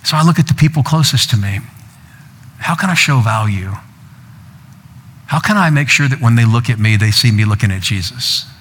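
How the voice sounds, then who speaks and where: A man's voice: medium pitch, animated, moderate pace, long pauses, fairly bright tone, slight background noise. Older male pastor preaching in a hall. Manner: storytelling, quoting family in raised playful voices. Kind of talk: sermon. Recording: long hall reverb.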